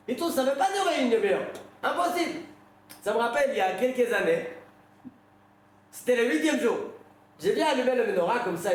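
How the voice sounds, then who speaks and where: A man, a rabbi, giving an informal religious lesson, telling stories and putting questions to his listeners. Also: extremely high pitch. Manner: conversational storytelling, questions the audience. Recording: very echoey room.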